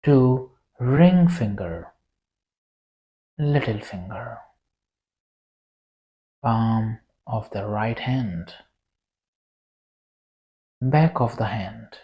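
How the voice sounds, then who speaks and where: Guiding a yoga nidra relaxation, a meditation leader speaks in short, soothing, deliberate phrases separated by long pauses. The pitch is medium and the intonation lively, though the recording has its highs cut off.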